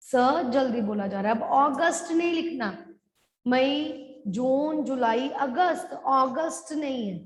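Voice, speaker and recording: A woman teacher dictates a class lesson and drags out each word so her students can follow. Her voice sits high. The recording has a roomy echo with a long reverb tail. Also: expressive, darkish tone. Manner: slow, drawn-out dictation of words; mixes English phrases into her speech. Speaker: primary school teacher. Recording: echoey room with long reverb.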